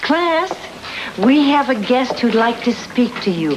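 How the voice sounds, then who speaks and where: Polite, high-voiced schoolteacher. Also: female voice, very animated, unhurried, slight background noise, poor audio. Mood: welcoming. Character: polite, welcoming female schoolteacher.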